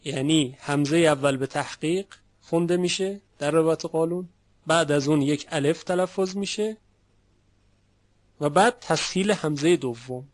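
A man with a fairly high voice lecturing on Quran recitation. He explains each point patiently and stretches out sample words when he demonstrates them. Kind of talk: classroom lecture.

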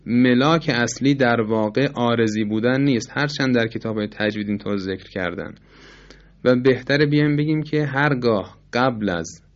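A man's voice: mid-range voice, muffled recording. A man teaching Quran recitation rules in a formal, patient lesson, politely repeating and explaining with examples.

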